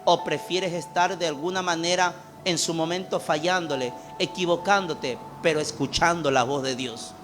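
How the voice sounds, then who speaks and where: A man preaching a sermon as pastor in a church, impassioned, swinging from loud calls to hushed appeals. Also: fairly high pitch, moderate pace, few pauses, music in the background.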